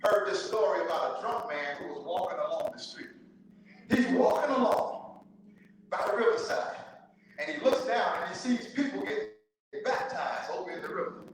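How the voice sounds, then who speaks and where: A man from the southern United States preaching a sermon in a church, telling stories and leading call and response. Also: high-pitched. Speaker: pastor. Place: church sanctuary. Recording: echoey church hall from far off.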